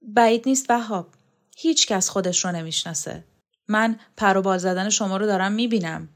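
A woman reading a novel aloud, voicing a sharp, disillusioned woman who speaks with biting contempt. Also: mid-range voice, lightly acted. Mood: cutting. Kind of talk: audiobook character reading.

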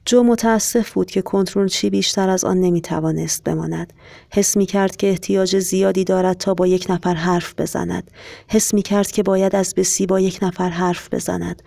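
A podcast narrator reading a short story aloud in a measured, even way. The voice has a gravelly grain and little pitch movement, and the recording is dry and close with no room sound. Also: dry recording. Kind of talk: scripted narration.

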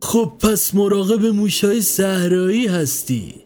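A man voicing a kindly older man who keeps a basket of rabbits, asking slow, teasing, coaxing questions. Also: high-pitched, a little mellow, pitched above the performer's own voice, natural voice.

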